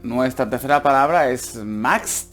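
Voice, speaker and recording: A man with a Spanish accent from Spain giving a casual online language lesson, repeating words slowly and patiently to drill pronunciation. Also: medium pitch, a bit bright, faint music behind. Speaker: online German teacher.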